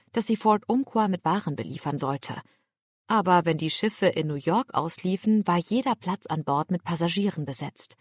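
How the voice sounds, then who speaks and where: A woman reading a historical novel aloud as narrator, in an even, measured way. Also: lowish voice, husky, no echo, studio quality. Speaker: audiobook narrator. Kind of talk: scripted narration.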